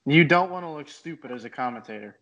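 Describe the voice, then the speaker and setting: A man chatting casually about sports, blunt and quick to swear. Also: a little high, expressive, fairly bright tone, lo-fi sound. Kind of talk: casual chat.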